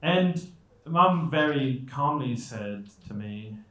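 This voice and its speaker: An expressive man from Colombia with a slightly bright, mid-range voice speaks slowly to an audience as a guest speaker. His conversational motivational talk mixes self-deprecating humour with rhetorical questions, delivered from an indoor stage in an echoey room.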